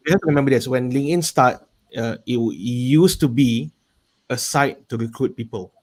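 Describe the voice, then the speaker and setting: A man's voice: medium pitch, a little fast. Malaysian-accented man explaining casually. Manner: checks in often with "right?" and "you see". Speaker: panel guest, business coach.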